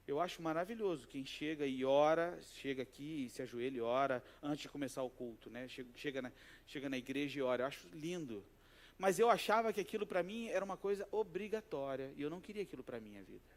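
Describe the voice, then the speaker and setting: Lively Rio-accented pastor, high voice. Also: male voice, fast talker. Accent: Rio de Janeiro Portuguese. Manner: animated storytelling, acts out quoted voices, jokes with the congregation. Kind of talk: conversational sermon with personal stories. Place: church sanctuary.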